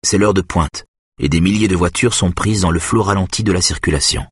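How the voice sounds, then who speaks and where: A man reading a thriller audiobook in a measured, steady present-tense narration. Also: sits low, slightly rough, dry recording, studio quality.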